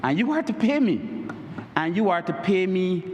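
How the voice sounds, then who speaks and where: Very animated and moderately paced, this Barbadian-accented MP addresses the Speaker repeatedly, using "Mister Speaker, sir" as an oratorical refrain. His voice sounds a little mellow, with the highs cut off and a faint hiss or hum, and it rises in pitch whenever he stresses a key point. The large chamber gives the recording an echoey, long-reverb quality.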